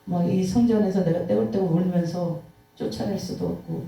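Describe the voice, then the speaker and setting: Heard from a distance in an echoey church sanctuary, a woman guest preacher shares an emotional testimony sermon. Her fairly low, creaky voice moves a little fast as she animates her stories, sighs, and acts out what people said.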